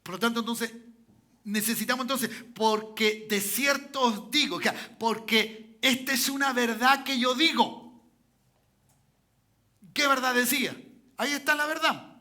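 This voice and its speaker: A man preaching in a church, his voice sitting high for a man and ringing very bright and forceful. He drives his points home by repeating them and keeps checking in with his congregation. He asks them for amens as he goes. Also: a little slow, pauses often. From Chile. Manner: repetitive, peppers lines with "¿cierto?" and "¿ya?". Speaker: pastor. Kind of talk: sermon.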